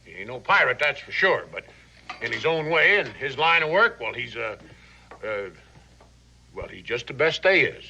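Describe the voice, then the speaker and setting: An actor playing a wily, boisterous river pirate captain in a western, with a folksy slow Southern American drawl and theatrical delivery. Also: male voice, mid-range voice, very animated, pushed and bright, dull audio, a little hiss or hum, full character voice. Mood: musing, scornful. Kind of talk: scripted western screen acting.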